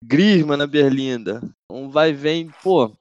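A man's voice: on the high side, slow. A man with a Brazilian Portuguese accent chatting casually and in slang on a football podcast, recorded with dull, lo-fi sound. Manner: slangy, conversational. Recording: dull, lo-fi microphone audio.

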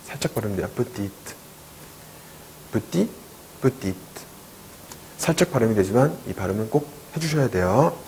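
A man's voice: on the low side, expressive, normal speed, darkish tone, slight background noise, low-quality recording. A man teaching French in a video lecture, patiently repeating each word for learners.

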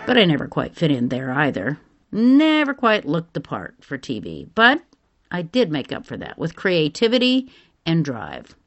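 A woman with a fairly low voice narrates as a podcast host, with music playing faintly underneath. Her delivery is scripted personal storytelling, phrased in a conversational way. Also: huge pitch swings, moderate pace, highs cut off. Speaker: podcast host, former television reporter. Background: music bed.

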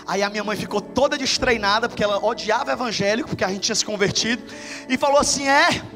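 Brief: an animated male preacher from Brazil, storytelling in a long-reverb church hall. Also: high voice, quick pace, soft background music. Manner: lively storytelling with shouted climaxes. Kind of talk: sermon.

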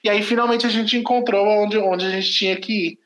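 A man's voice: sits high, fairly even intonation, brisk, a bit bright, echoey room, low-quality recording. A Brazilian man hosting a podcast, telling a travel story in casual chat, rambling and correcting himself. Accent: Brazilian Portuguese. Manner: rambling, self-correcting, laughs at own story. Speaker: podcast host.

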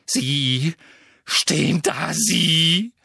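A man voicing a furious, grieving teenage boy wizard who shouts with a trembling voice. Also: mid-range voice, animated, very slow, vocal fry, breathy edge, no room sound, clean studio sound, full character voice.

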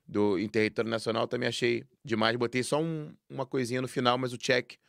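Brazilian-accented male co-host, mid pitch, reads out points haltingly, close dry mic. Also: flat delivery, creaky, a bit bright, no room sound. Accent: Brazilian Portuguese. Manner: reads items aloud, hesitant, many fillers. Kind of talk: casual live discussion.

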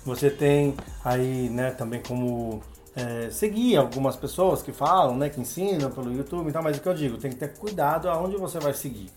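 A man's voice: mid-range voice, normal speed, hardly any pauses, a little mellow, faint music behind. A man with a Brazilian Portuguese accent, an English teacher who talks as a guest in a casual interview and explains patiently, often adding tag questions.

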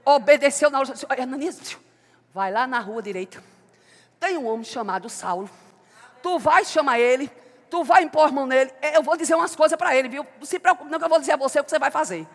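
A high-pitched woman preaches in a church, her voice carrying a long hall reverb. She moves between loud, fervent exclamations and quiet, intimate storytelling as she shares testimony. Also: animated, quick pace. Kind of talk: sermon with personal testimony.

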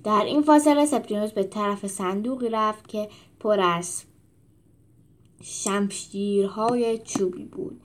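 A woman narrating a children's storybook aloud in an expressive way. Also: mid-range voice.

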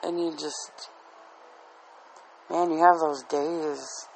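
A man's voice: on the high side, fairly even intonation, very slow, gravelly, a little hiss or hum, rough recording. A man with a dry throat rambling casually and candidly as a solo podcast host, often putting himself down. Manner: candid and self-deprecating. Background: soft relaxing music.

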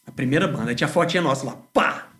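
A man, a band musician telling stories on a casual podcast in an animated, slangy way. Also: medium pitch, very fast, noisy background. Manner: animated, slangy, swears freely.

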